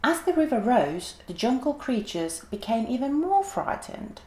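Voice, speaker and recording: A woman gently and expressively reading a children's story aloud in an echoey room. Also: on the high side, sing-song, normal speed.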